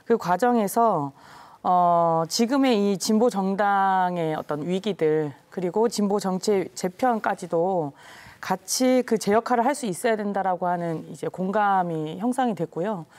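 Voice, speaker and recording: A woman with a Jeju accent, a party election co-chair, answering interview questions in a measured, formal way with many hesitant fillers. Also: mid-range voice, darkish tone. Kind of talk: current-affairs interview answers.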